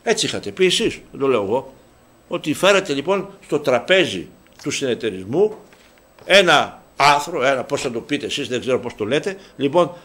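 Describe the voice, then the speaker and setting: A man's voice: fairly high pitch, a bit bright. A man hosting a local sports show, ranting about football refereeing, indignant and sarcastic, swearing and restarting his sentences. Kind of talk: heated football commentary monologue.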